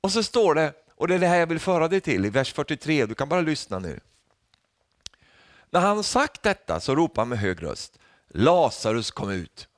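A man preaching a lively sermon, his pitch swinging widely as he jokes with the congregation. The sound is dry and close, with no room echo. He peppers his lines with questioning tags and rises to loud calls whenever he quotes. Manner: rises to loud calls when quoting Jesus.

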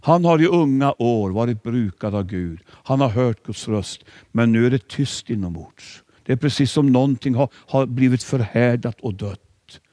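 A man's voice: medium pitch, darkish tone, dry recording, studio quality. A man preaching a sermon, dramatic and emphatic, sometimes stumbling over repeated words. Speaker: pastor.

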